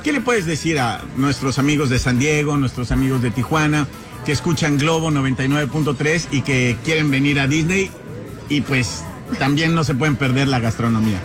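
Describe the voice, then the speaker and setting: A man's voice: mid-range voice, normal speed, music in the background. A man with a Mexican accent hosting a live radio interview, enthusiastic and effusive. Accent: Mexican Spanish. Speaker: radio host.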